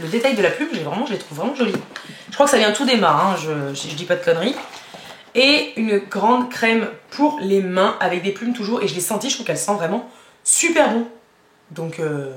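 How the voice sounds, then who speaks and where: A woman's voice: mid-range voice, a bit bright. A young woman vlogger chatting casually about gifts, rambling and giggling, with many fillers. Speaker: beauty vlogger. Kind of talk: casual haul chat. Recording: echoey room with faint noise.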